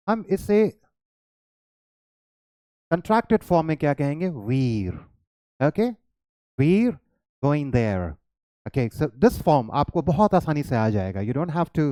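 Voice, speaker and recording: A man's voice: fairly high pitch, warm tone, dry recording, clean studio sound. An Indian man teaching an English lesson, mixing Hindi and English and quizzing his students with coaxing questions. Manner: coaxing, questions to students, calls them "child".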